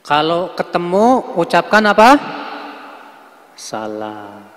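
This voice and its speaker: Male preacher, high voice, long hall reverb, sermon delivery, acts out quotes. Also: takes it slowly. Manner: addresses the audience as Pak and antum, with repeated "ya" checks; acts out quoted speech with lively swings.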